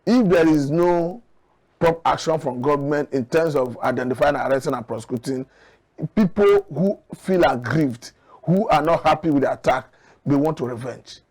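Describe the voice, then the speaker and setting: Slightly high and darkish in tone, a Nigerian-accented man serves as a guest analyst on current affairs. His commentary is earnest and measured as he pushes his arguments.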